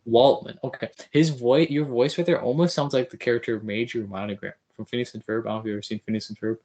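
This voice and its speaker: A man's voice: mid-range voice, fairly even intonation, fast, dark tone, dull audio. A man hosting a podcast interview, joking and enthusiastic in casual chat. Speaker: podcast host.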